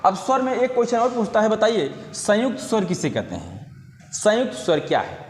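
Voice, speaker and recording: High-voiced man teaching in an echoey room. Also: very animated, brisk, a little hiss or hum. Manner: repeats definitions, addresses viewers as friends. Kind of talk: exam-prep grammar lesson. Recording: echoey room with long reverb.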